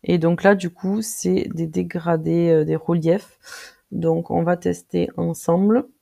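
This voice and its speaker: Tutorial presenter, casual screen-recording, very creaky and mellow, hesitant with lots of fillers. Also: medium pitch, fairly even intonation. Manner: hesitant, frequent filler pauses while clicking through; friendly, addresses viewers directly.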